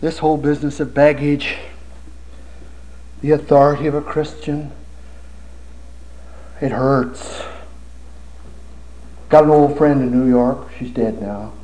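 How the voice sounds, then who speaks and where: A man's voice: fairly high pitch, fairly even intonation, takes it slowly, pauses often, warm tone, low-quality recording. An older man preaching a sermon with impassioned rhetorical questions and humorous stories. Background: audience laughter.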